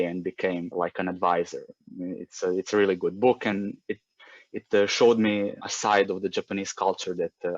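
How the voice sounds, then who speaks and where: Croatian man, 30s, very low voice, halting delivery with fillers. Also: no room sound, lo-fi sound. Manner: hesitant, many fillers and restarts. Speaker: guest. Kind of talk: casual interview.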